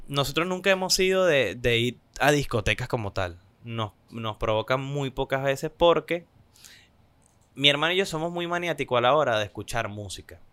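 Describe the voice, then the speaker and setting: Animated Venezuelan man telling stories. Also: normal speed, clean tone, no echo. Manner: animated storytelling, acts out quotes in higher voices. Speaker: podcast co-host. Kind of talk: casual chat.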